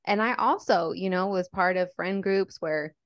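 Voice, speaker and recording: Her voice is lowish and her pace moderate, recorded without any room sound. She is a young woman from Lebanon guesting on a podcast, storytelling in an earnest, reflective, conversational way and saying "like" a lot.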